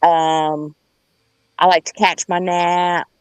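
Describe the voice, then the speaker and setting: A Southern woman from the United States gardens on a livestream, rambling casually in a plain-spoken, folksy manner. Her voice is on the low side, slow, and flat in delivery, with a clean tone and no echo.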